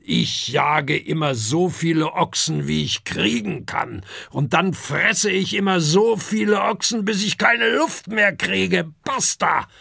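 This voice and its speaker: A huge gluttonous dragon father with a hoarse, grumbling, gravelly voice, put on by a male storybook reader. He talks slowly and gruffly, with wide swings of pitch. The recording is close and dry. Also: very animated, pushed and bright, no echo, full character voice.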